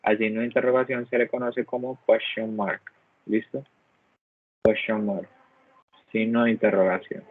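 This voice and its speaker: In a low, flat voice at normal speed, a man delivers an online English grammar lesson, pausing often. He explains patiently step by step and keeps checking in with the class by asking "¿listo?". The audio comes through a video call and sounds dry and phone-like.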